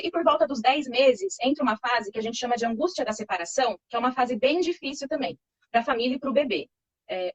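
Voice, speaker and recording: A woman, calmly explaining baby development as an interview guest, reassuring and patient, often checking in with tag questions. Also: a little high, breathy edge, no echo. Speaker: child development expert guest. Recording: slightly muffled lo-fi recording.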